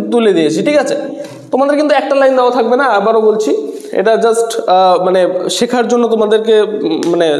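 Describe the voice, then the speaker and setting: A man's voice: very high voice, a little mellow. A male teacher giving a classroom lesson in short steps, often asking the class questions and spelling words out letter by letter. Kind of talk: exam-oriented classroom lesson. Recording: echoey room with long reverb.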